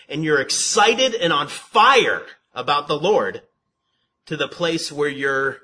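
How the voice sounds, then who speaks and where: In a medium-pitched voice with a breathy edge, a man teaches a Bible study as a conversational sermon. He leans on rhetorical questions, repeats himself, restarts words, and remarks that his voice is monotone.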